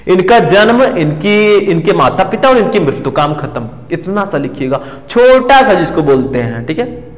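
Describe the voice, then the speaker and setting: A high-voiced male teacher goes through exam questions in a chatty way, talking straight to his students and breaking into a sung line now and then. His voice rings in an echoey room with a long tail of reverb. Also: big pitch swings, normal speed. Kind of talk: exam-prep lecture.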